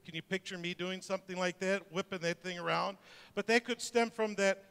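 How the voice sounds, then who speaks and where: A man's voice: high-pitched, steady tone, fairly quick, gravelly, fairly bright tone, clear, resonant tone, big-room sound. A middle-aged man from Detroit, giving a joking, conversational talk with many restarts. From Detroit, USA. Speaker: speaker presenting to an audience. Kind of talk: informal presentation talk.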